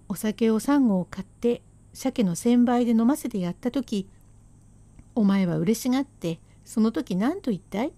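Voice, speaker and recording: A sharp-tongued Edo wife, voiced by a woman storyteller, scolding on and on in a fairly high but mellow voice. The sarcasm never lets up. The sound is dry and close, as in rakugo storytelling. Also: dry recording.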